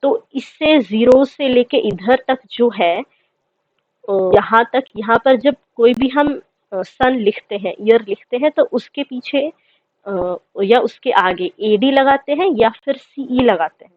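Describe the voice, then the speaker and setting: A woman's voice: a little high, takes it slowly, no room sound. A woman in her thirties teaching a history lesson, reading English text and explaining it step by step, often checking in with her students. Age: 30s. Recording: dry, tinny phone-like sound.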